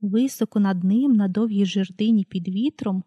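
Female storybook reader, warm mellow tone, dry close sound, calm unhurried delivery. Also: mid-range voice, slightly rough, no echo, dull audio. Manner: calm, unhurried reading, announces page numbers aloud. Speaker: audiobook reader. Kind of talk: storybook read-aloud.

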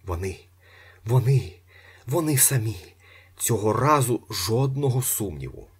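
A fussy, anxious old nobleman, as a man reading an audiobook puts him on. His voice goes up high and squeaky with a husky grain, fretful and agitated. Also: very animated, a little slow, heavily acted. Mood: overjoyed. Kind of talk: audiobook character voice.

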